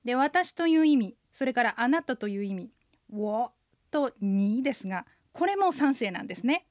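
Woman, radio language teacher, clear explaining, higher pitch, dry close sound. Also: animated, normal speed, no room sound. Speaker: language lesson co-host.

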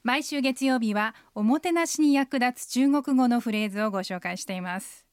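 On a radio language lesson, a Chinese language teacher explains things clearly and models words slowly and carefully. Her voice sits a little high, and the studio recording is very dry.

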